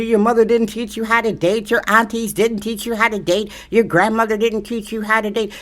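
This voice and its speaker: A middle-aged woman from Wisconsin giving an emphatic, preachy monologue to camera, repeating rhetorical questions to press her point. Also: mid-range voice. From Milwaukee, Wisconsin. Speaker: social media commentator.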